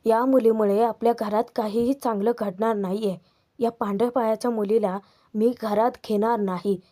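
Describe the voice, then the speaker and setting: A woman's voice: on the high side, steady tone, normal speed, lightly acted. A woman reading a scolding, spiteful mother-in-law. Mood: scornful. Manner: scolding, accusing, rising to shouting. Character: angry domineering middle-aged mother-in-law.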